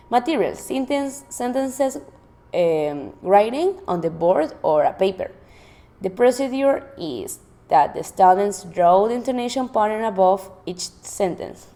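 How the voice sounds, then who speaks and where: A woman's voice: on the low side, dark tone. A woman teacher presenting classroom activities from her notes, stopping to restart and correct herself. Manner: reads from notes with frequent restarts and self-corrections. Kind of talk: presenting a lesson plan.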